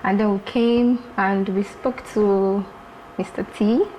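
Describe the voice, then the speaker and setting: A woman from Lagos, Nigeria, a fashion designer talking as a guest in a casual interview, lively and repeating herself for emphasis. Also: mid-range voice, slow, slight background noise, rough recording.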